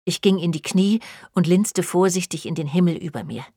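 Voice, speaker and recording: A woman's voice: lowish voice, moderate pace, mellow, slightly rough, no echo, studio quality. Woman reading a wry first-person story. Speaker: narrator. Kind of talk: first-person audiobook narration.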